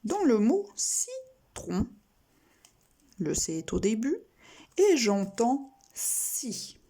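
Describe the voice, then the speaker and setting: Woman, primary teacher, reading lesson, very slow, deliberate, spells out sounds, husky tone. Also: on the high side, wildly swooping pitch, mellow.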